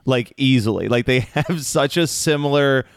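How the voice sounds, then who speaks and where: Relaxed guy, really smooth voice, says like a lot, dry mic. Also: mid-range voice, normal speed, no room sound. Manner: relaxed, fills in with "like". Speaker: podcast co-host. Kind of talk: casual chat.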